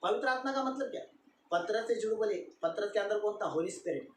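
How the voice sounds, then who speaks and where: A man's voice: sits high, lively intonation, fast. A man preaching a sermon as a pastor, repeating his points emphatically and asking the congregation questions. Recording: echoey room, voice from a distance, faint hiss.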